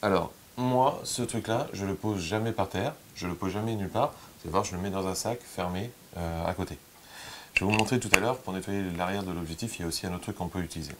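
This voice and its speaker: A man teaching photography, talking viewers through a hands-on cleaning demonstration in a relaxed, chatty way with frequent hesitations. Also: low-pitched, fast talker, noisy background.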